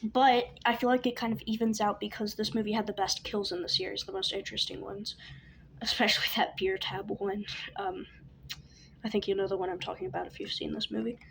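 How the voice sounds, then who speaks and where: A woman's voice: mid-range voice, flat delivery, fast, gravelly, few pauses, a little hiss or hum, poor audio. A young woman vlogging casually about films, chatty and stumbling, full of fillers and restarts. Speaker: video creator. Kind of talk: casual movie ranking vlog.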